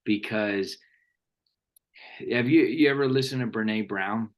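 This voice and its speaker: Male host, very low voice, thoughtful and sincere. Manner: earnest, quotes thinkers, slows for emphasis. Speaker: podcast host. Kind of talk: reflective interview talk.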